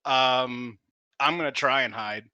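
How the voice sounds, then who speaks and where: A man playing in an online tabletop game, talking slowly and hesitantly as he works out his turn. His voice is very bright and sits dry and close to the mic. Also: mid-range voice, dry recording, muffled recording. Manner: hesitant, thinking aloud. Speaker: player. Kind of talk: casual chat at the game table.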